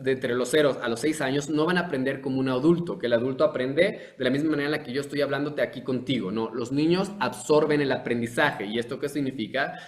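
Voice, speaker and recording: A man teaching a course online, asking questions and answering them himself, with frequent restarts and pauses. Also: medium pitch. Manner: explanatory, asks and answers his own questions; many restarts and filler pauses. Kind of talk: online lecture.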